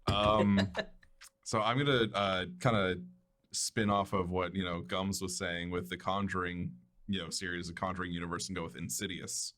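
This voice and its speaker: A man's voice: low voice, little pitch movement, normal speed, fairly bright tone. A man co-hosting a casual podcast, speaking hesitantly with lots of ums and uhs. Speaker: podcast co-host. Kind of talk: casual chat.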